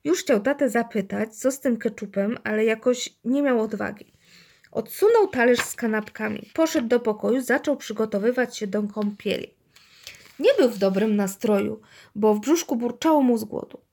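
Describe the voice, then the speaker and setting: A woman narrates a children's story with lively expression. Her voice sits a little higher than most women's. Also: normal speed.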